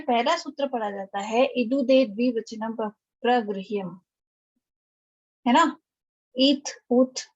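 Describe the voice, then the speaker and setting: Woman teaching an online class, high-pitched. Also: dull audio. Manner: explaining step by step, checking in with students. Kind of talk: online lecture.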